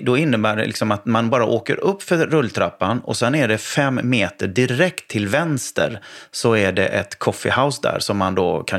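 Guy from sweden telling a story, low voice, gets worked up and yells bits of it. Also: gravelly. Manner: animated retelling, acts out his own shouts. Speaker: father. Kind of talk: casual storytelling chat.

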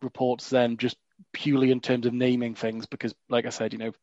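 A podcast host keeps up casual, jokey chat full of asides and frequent "you know" fillers. His medium-pitched, darkish voice stays level and brisk, captured in a dull, dry lo-fi recording with no echo.

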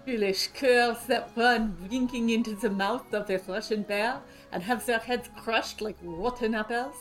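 A woman's voice: fairly high pitch, unhurried, faint music behind, lightly acted, rough recording. A woman playing a scornful French nobleman, reading in an exaggerated mock French accent.

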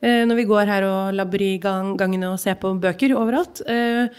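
A woman's voice: mid-range voice, steady tone, clean tone. A woman hosting a live literature podcast before an audience at a library, talking with many filler sounds and then reading a book excerpt aloud. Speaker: podcast host.

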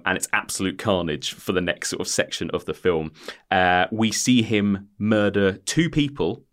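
Low-voiced man hosting a film chat. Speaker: podcast host, quizmaster. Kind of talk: casual film discussion, retelling.

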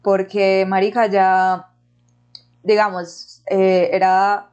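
A woman's voice: medium pitch, little pitch movement, very slow, a little mellow, clear, resonant tone, highs cut off. A woman in her thirties with a Colombian paisa accent, hosting a podcast in slangy, laugh-filled casual chat. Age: 30s. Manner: slangy, laughs often, chatty. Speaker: podcast host.

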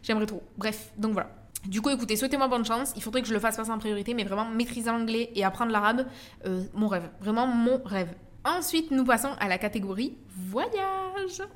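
A woman's voice: fairly high pitch, fairly even intonation, quick pace. A young French woman hosting a casual solo podcast, chatting in a slangy way with lots of fillers and repeated words. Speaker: podcast host. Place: at home in Dubai.

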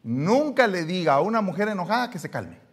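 A male pastor preaching a sermon, swinging from hushed asides to loud, humorous appeals to the congregation. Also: high-pitched, very animated, a little fast.

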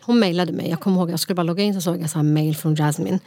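A woman's voice: on the low side, fairly even intonation, dark tone. A woman co-hosting a podcast, telling a personal story in casual talk and mixing in English phrases. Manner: storytelling, mixes in English phrases, many fillers. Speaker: podcast co-host. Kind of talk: casual conversation.

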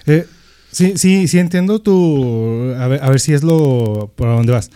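A man's voice: mid-range voice, animated, slow, dark tone, smooth. Man, podcast co-host, casual chat, jokey, boastful. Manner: jokey, boasts about his put-on accents.

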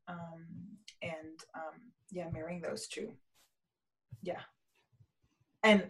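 A Danish woman with a deep voice chats casually about spirituality, rambling with many restarts and fillers and often trailing off quietly. The audio quality is poor.

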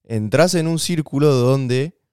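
Podcast co-host, Argentine man, smooth voice, dry close sound, easygoing and slangy. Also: medium pitch, takes it slowly, dry recording. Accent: Rioplatense Spanish. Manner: relaxed, conversational, uses slang and examples. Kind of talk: casual relationship advice chat.

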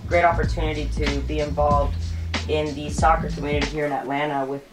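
A woman in her thirties from Costa Rica, a podcast guest speaking in a measured, earnest way. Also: sits low, level tone, over loud music. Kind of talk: casual interview.

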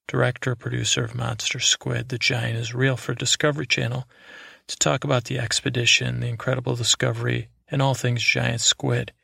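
A man with a gravelly, raspy voice reading articles aloud in a casual podcast style, stumbling now and then over words. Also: mid-range voice, bright, forceful tone, no echo, clean studio sound.

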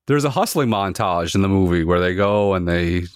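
A man's voice: low voice, animated, normal speed, clean tone, no echo, studio quality. A man hosting a casual podcast, reading out trivia questions and multiple-choice options to his friends and swearing freely. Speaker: podcast host running trivia quiz.

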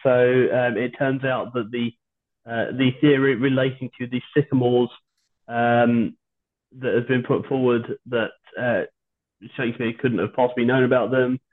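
A British man hosting a podcast in casual, rambling, hesitant chat with dry humour, recorded at home over a low-quality video call. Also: level tone, normal speed. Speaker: podcast host. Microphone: video call without his usual microphone. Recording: low-quality online stream, phone-like sound.

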